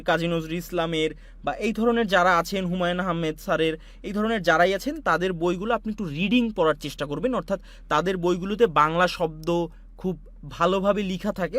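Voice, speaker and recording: A man from Bangladesh teaches an online class, talking students through each step of audio software. His voice sits high and the recording is dry and close, with no room sound. He explains patiently and circles back over points with many asides. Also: no room sound. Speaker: online course instructor. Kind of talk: screen-share software tutorial.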